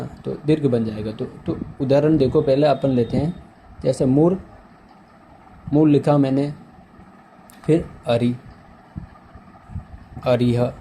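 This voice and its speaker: Slow, dark-voiced man teaching. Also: mid-range voice, a little hiss or hum, rough recording. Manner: slow, repeats words and asks the class questions. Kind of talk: slow, repetitive grammar lesson.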